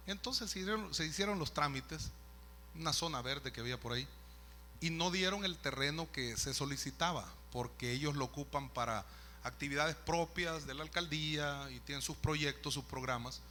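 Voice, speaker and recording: A pastor from El Salvador tells a story as testimony in a sermon, speaking conversationally and addressing asides to his listeners. His voice is a little high, bright and forceful, with a bit of hiss or hum on the recording.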